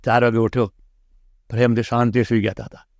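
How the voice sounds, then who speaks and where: Fast-talking middle-aged man telling a story. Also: medium pitch, no echo. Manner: animated, acts out quoted speech. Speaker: interview guest. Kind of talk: personal pilgrimage storytelling.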